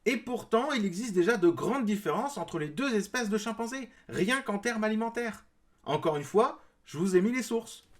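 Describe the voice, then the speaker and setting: Male creator, bright high voice, explanatory and dryly sarcastic rebuttal commentary. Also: lively intonation, normal speed. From France. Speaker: video creator responding to a clip.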